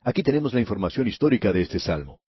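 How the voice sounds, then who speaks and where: Radio preacher, male, low husky voice, earnest and emphatic, dry dull lo-fi recording. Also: big pitch swings, quick pace, no echo. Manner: earnest, emphatic, addresses the listener directly. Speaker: radio Bible teacher. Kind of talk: radio Bible teaching.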